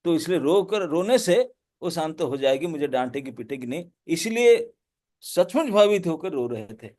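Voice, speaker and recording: A man who is a monk, giving a devotional lecture and telling the story in an animated way with laughs. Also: a little high, moderate pace. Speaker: monk and preacher.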